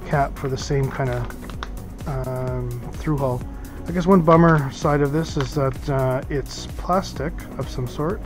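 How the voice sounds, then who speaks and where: A middle-aged man with an ordinary mid-pitched voice talks through an unboxing, rambling and filling pauses with "uh" and "um". He is recorded on a head-mounted camera in a small office, with music running clearly behind him. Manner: rambling, thinks aloud with many fillers. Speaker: boating vlogger. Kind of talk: casual unboxing talk.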